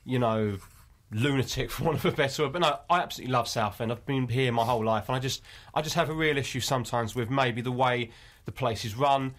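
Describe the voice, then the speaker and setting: Fast-talking jokey man from Essex. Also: medium pitch, a bit bright. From Essex, England. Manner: jokey, rambling, self-mocking. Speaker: guest, spoof news writer. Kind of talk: casual interview chat.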